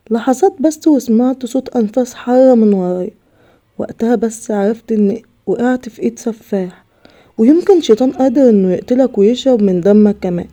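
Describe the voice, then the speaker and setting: A woman with an Egyptian Arabic accent reading a first-person horror story as a script, with dramatic pauses, over faint background music. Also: fairly high pitch, dark tone.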